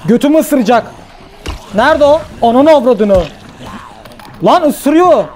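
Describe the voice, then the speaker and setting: A male gaming host gives casual let's-play commentary in a very high, excitable voice. He swears freely and yells at the game, and a faint hum of background noise sits under him. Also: slow.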